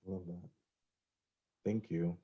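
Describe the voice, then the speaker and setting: A man's voice: deep voice, fairly even intonation, slow, breathy edge, muffled recording. A man hosting an interview, enthusiastic and encouraging in casual chat over a video call. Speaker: host.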